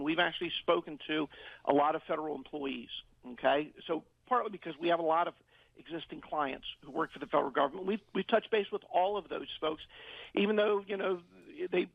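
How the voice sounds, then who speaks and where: High voiced guy with vocal fry explaining stuff on dull radio audio, repeats himself a bit. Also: dry recording. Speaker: financial advisor, radio guest. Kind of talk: explanatory radio interview talk.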